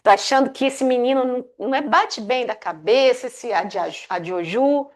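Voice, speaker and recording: A woman's voice: high voice, normal speed, close to an everyday voice. A woman voicing a worried mother who frets over her daughter's suitor, speaking in a fretful, pleading way.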